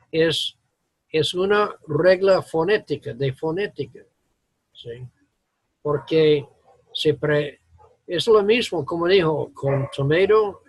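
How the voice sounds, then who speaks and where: Profe hablando lento, voz ronquita y seca, mete palabras en inglés. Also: male voice, a little high, husky, no room sound. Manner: slow, halting explanations mixing English words into Spanish. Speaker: English teacher. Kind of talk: classroom grammar lesson. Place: classroom.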